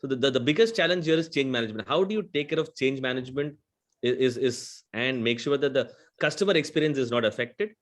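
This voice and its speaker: A man's voice: medium pitch, fast. A man with a South Indian accent, explaining things earnestly in a webinar panel discussion and checking in with "right?" often. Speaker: conversational AI vendor executive.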